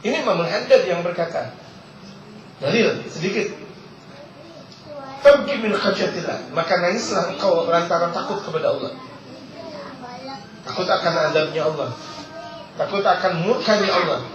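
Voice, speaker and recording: A man's voice: sits high, moderate pace, long pauses, noisy background. A man preaching a religious lecture, reading Arabic passages and then explaining them in casual, repetitive speech. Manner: repeats key phrases for emphasis. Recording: roomy, distant, dull lo-fi sound.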